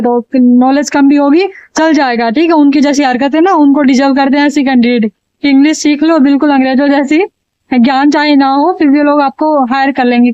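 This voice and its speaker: High-voiced exasperated woman vlogging. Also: a little mellow, clear, resonant tone, dry recording, lo-fi sound. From India. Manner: exasperated, chatty, repeats phrases for emphasis. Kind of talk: casual ranting vlog to camera.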